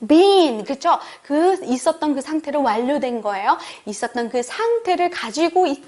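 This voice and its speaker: Animated woman teacher, high lively voice. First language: Korean. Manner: modeling English sentences slowly and emphatically for learners to repeat; lively, animated explanations with rhetorical questions. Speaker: English teacher. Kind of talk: online English lesson.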